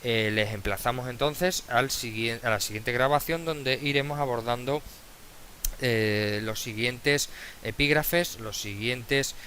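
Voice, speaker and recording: A man teaching a recorded video lesson, explaining slowly with many fillers and restarts. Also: medium pitch, bright, forceful tone, slight background noise.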